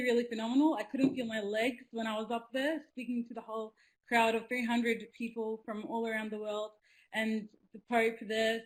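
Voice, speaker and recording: A young woman from Australia talks through a webinar over a video call from a small room at home. Her voice sits a little high, and she is eager and earnest, restarting often and padding with ums. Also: low-quality recording. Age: young adult. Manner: chatty, many ums, earnest and enthusiastic. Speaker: youth representative. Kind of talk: webinar talk.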